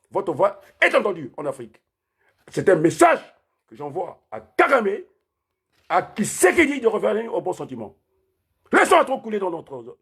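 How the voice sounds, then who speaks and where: A man delivering an impassioned political rant, firing off rhetorical questions and repeatedly raising his voice almost to a shout. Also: sits high, slightly rough. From Republic of the Congo. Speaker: political commentator.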